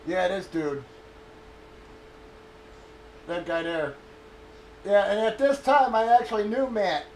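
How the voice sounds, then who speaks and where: A man's voice: high-pitched, slow pace, darkish tone, slight background noise. A man streaming casually, telling a rambling, profane story and stalling as he gropes for names. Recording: echoey room with faint ambience.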